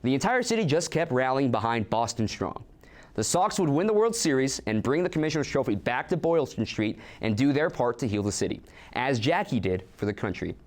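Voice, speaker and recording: A man's voice: medium pitch, fairly quick. A young man co-anchoring a student sports show, reading scripted stories and trading playful banter. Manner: lively, animated delivery with playful ribbing.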